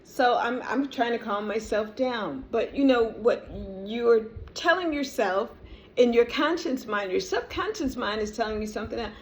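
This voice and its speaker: A middle-aged woman vlogger telling a personal story in a casual, animated way, often laughing and praising. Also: on the high side, normal speed. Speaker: vlogger sharing a testimony.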